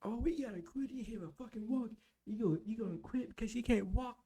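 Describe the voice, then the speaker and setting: A man voicing a loud male military drill instructor who taunts a recruit. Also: very high-pitched, quick pace, pitched above the performer's own voice. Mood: taunting. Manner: yelling, taunting.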